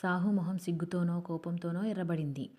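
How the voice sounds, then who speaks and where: A woman reads a novel aloud in steady, measured storytelling. Her voice sits low and sounds mellow and warm. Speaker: audiobook narrator. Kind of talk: scripted narration of a novel.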